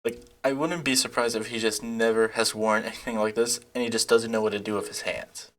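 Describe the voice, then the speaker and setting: A man's voice: on the low side, steady tone, brisk, a bit bright, soft background music. A man giving casual reaction commentary, rambling and mocking, laughing often. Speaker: YouTube commentator.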